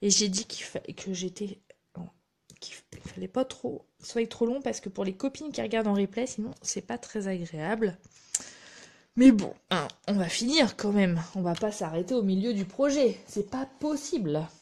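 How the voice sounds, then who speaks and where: A woman's voice: mid-range voice, expressive, normal speed, a little mellow. A woman, chatting casually while she demonstrates a craft project on a live stream. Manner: chatty, narrates her hands-on work with little asides. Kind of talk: live craft tutorial chat.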